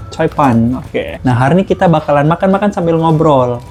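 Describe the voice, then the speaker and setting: A man's voice: fairly high pitch, fairly quick, a little mellow, faint music behind. A man from Indonesia hosting a casual chat over a meal, earnest and chatty, slipping English phrases into his talk. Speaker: vlog host.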